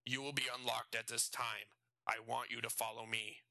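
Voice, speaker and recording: A man voicing a stern, threatening male prison guard with a raspy voice, giving cold, clipped orders in an audiobook reading. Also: mid-range voice, flat delivery, normal speed, sharp tone, no room sound, low-quality recording. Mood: menacing.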